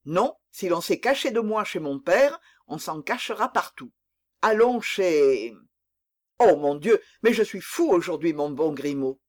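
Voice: mid-range voice, lively intonation, measured pace. A reader voicing a young male nobleman, anxious and impetuous, firing off urgent, breathless questions in an audiobook. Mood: distraught. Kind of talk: audiobook character reading.

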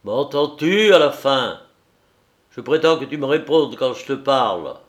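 A man's voice: mid-range voice, slow, lightly acted. A man voicing a husband who presses his wife insistently, turning from gleeful to jealous and angry. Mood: furious. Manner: insistent, laughing, then stammering and angry.

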